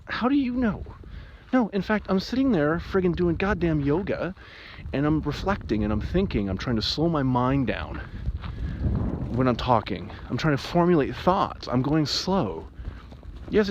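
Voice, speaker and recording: A separated father giving an emotional personal monologue, agitated and rambling, with restarts and sudden jumps in pitch. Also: expressive, normal speed. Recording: muffled, with faint background hiss.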